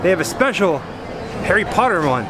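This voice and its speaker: A woman's voice: on the low side, big pitch swings, brisk. A woman hosting a vlog, narrating her visit to a theme park. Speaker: vlog host. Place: busy outdoor theme park. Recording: loud crowd and park noise behind.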